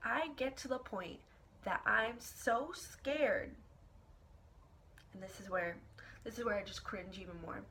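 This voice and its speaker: Young woman, storytime vlogger, dramatic, casual swearing, mid-pitched voice. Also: a little slow, pauses often, sharp tone. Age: young adult. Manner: casual, profane, filler-heavy. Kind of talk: storytime vlog.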